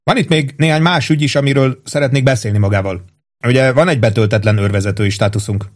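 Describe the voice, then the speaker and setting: A man's voice: mid-range voice, pitched above the performer's own voice, close to an everyday voice. A man reading an audiobook, voicing a pompous, fussy middle-aged army captain with a raised, insistent, self-satisfied voice. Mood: bossy.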